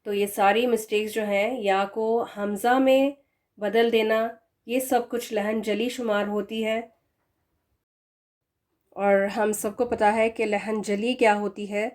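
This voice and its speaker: Woman teaching slow pronunciation drills. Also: a little high, fairly even intonation, a little mellow. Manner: slows down to model correct and wrong pronunciations; earnest, admonishing asides. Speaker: tajweed teacher. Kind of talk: recorded online lesson.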